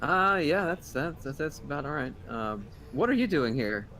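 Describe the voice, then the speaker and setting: A man's voice: fairly high pitch, sing-song, moderate pace, sharp tone, a little hiss or hum. A man playing a tabletop role-playing game, chatting casually and hesitantly as he improvises his turns. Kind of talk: casual chat during role-play.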